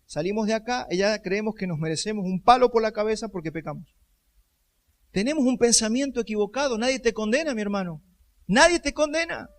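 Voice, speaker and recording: A man's voice: high voice, expressive, quick pace. A male pastor, giving an emphatic sermon and putting rhetorical questions to the congregation.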